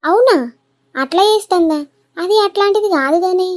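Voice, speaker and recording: A woman's voice: extremely high pitch, brisk. Woman voicing an advising elder sister with a Telangana accent. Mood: concerned. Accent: Telangana Telugu. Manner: questioning, advising.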